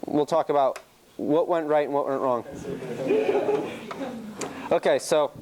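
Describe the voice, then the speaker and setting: Speaking a little slowly in a somewhat high voice, this sailing team presenter walks a classroom through the rules in a casual chalk-talk. He's young, laughs readily, and draws on tales from races he's sailed. The recording is very noisy.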